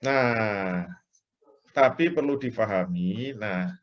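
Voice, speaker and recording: Speaking slowly in a lowish, animated voice, a man gives an Islamic religious lecture. He walks through everyday examples and acts out the prayers people make, with tinged speech. The lecture recording sounds dull and lo-fi.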